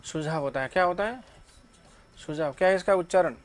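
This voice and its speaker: A man's voice: on the high side, brisk. A man teaching English grammar to a class. He keeps asking the students questions and then answers them himself.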